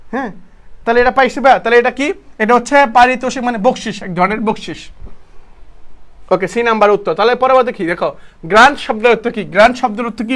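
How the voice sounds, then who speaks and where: A young man with a high voice and a Bangladeshi Bengali accent, teaching an online prep class in a loose, casual way. He asks his students the same question over and over and fixes his own slips mid-word. Faint noise and clicks sit under the recording. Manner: repeats questions to students, talks to them as "bhaiya"; casual, self-correcting explanations.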